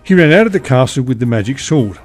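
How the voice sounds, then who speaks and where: A man narrating a bedtime story in a calm, even reading voice. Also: mid-range voice, fast talker, faint music behind.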